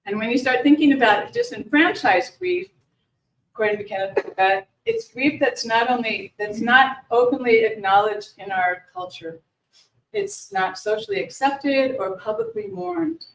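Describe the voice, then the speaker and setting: A woman leads a workshop in a conversational way, her pitch rising and falling freely as she restarts and repeats words. She speaks to a live audience in a meeting room. The mic sits far from her, so her voice carries room echo. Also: expressive, moderate pace, fairly bright tone, slight background noise. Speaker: grief educator leading a workshop. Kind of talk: informal workshop presentation. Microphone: distant room mic.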